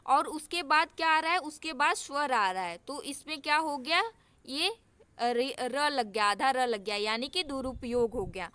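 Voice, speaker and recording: A woman teaching a grammar lesson, explaining step by step, asking and answering her own questions and repeating examples slowly. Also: high voice, expressive, pushed and bright, clear, resonant tone.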